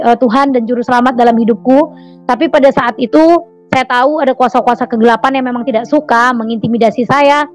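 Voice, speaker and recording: High-voiced woman giving an earnest testimony. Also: low-quality recording. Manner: earnest, repetitive, frequent "eh" and "gitu" fillers. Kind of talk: personal testimony addressed to a congregation.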